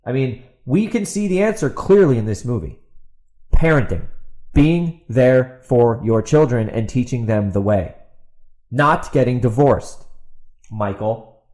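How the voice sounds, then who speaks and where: In an unhurried, slightly mellow voice of medium pitch with lively intonation, this man, a podcast host and author, delivers an exasperated solo rant of opinion, heard over poor audio. He's sarcastic, repeats things for emphasis, and throws rhetorical questions at an absent opponent.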